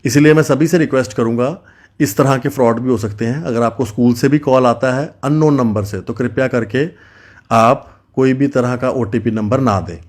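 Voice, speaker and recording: A man's voice: medium pitch, normal speed. A man, a news reporter speaking earnestly to viewers from a family's home and interviewing them. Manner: earnest, addresses viewers directly with appeals.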